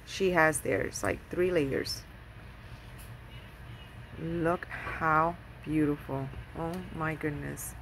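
A woman's voice: sits low, a little hiss or hum. Gushing woman showing off crafts. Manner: gushing, excitable, with many fillers. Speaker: craft vlogger. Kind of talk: casual show-and-tell.

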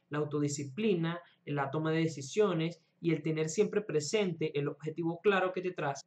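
A man in his twenties talks straight to camera as an online host, earnestly explaining self-improvement advice from a small room at home. His voice sits high.

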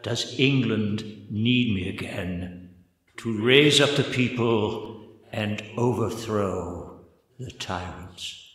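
A man's voice: on the low side, fairly bright tone. An actor playing an ancient King Arthur waking from sleep, solemn and weary, in a radio drama. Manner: slow, solemn, halting. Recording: echoey cavern-like reverb.

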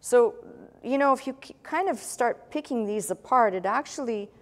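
A woman's voice: fairly high pitch, lively intonation. Woman pastor preaching in a reverberant hall. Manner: measured, emphatic preaching with rhetorical questions. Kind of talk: sermon.

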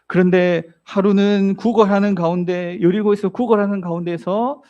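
A man's voice: high-pitched, steady tone, normal speed, darkish tone, lo-fi sound. A male pastor preaching a sermon, telling the story vividly and putting rhetorical questions to the congregation. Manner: storytelling, acts out voices in the story.

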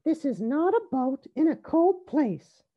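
A woman's voice: high voice, big pitch swings, a little slow, highs cut off, pitched above the performer's own voice. A woman voicing a playful, bossy and imaginative eldest little girl rabbit in a storybook, exclaiming and drawing out her words. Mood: teasing, excited.

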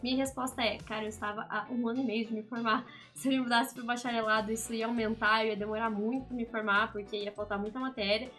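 A woman in her twenties with a Brazilian accent and a raspy, smoker-like voice, chatting in a rambling way to camera as a vlog host. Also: a little high, steady tone, fast, fairly bright tone, faint music behind. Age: 20s. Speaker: video channel host, games student. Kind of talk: casual vlog talk to camera. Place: small indoor home room.

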